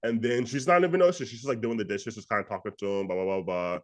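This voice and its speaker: Retelling a movie scene on the podcast he co-hosts, this young man talks fast in a lowish voice. He rambles in an animated, laid-back way, with "like" popping up over and over.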